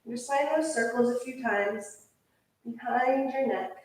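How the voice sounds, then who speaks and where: A woman teaching a yoga class, calmly and steadily cueing breaths and movements. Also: fairly high pitch, a little slow. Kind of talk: guided yoga class instruction. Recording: echoey room, voice from far off.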